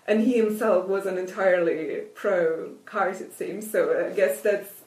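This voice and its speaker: In an interview about literature, this Italian-native academic speaks thoughtfully and hesitantly, full of fillers and restarts. Her medium-pitched voice is unhurried and darkish, captured off-mic in an echoey room with slight background noise.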